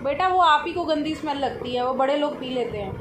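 A woman's voice: high voice, a little fast, noisy background. A woman vlogging casually at home, chatting to the camera and teasing her pet dog in a playful sing-song way. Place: at home indoors.

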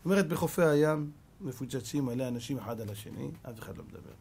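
A man in his fifties, a rabbi giving a Torah sermon, preaching in an animated, scolding way with rhetorical questions. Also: mid-range voice, a little hiss or hum.

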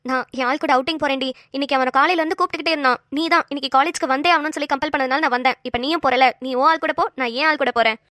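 Woman doing cheeky college girl, bright, quick, playful, cartoon. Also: high voice, steady tone, no echo, clean studio sound. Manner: playful, coaxing. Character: cheeky young college friend.

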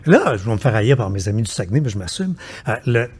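A man's voice: fairly low pitch, sing-song, fast, darkish tone, slightly rough. A man with a Québécois French accent hosting a podcast, playful and joking, often stumbling and repeating words as he asks questions. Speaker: podcast host. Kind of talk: casual conversation.

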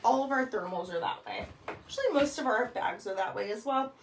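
Recorded from a distance in an echoey small room, with slight background noise, this thirties-aged bag consultant chattily walks through bags in a vlog. Her voice is a little high and expressive, fairly quick, upbeat and dotted with ums.

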